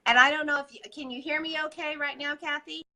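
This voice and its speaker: Enthusiastic woman live-stream host, high and bright, affectionate and gushing. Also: fairly even intonation, fast talker, poor audio. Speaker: host of a live wellness show. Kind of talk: casual live-stream chat.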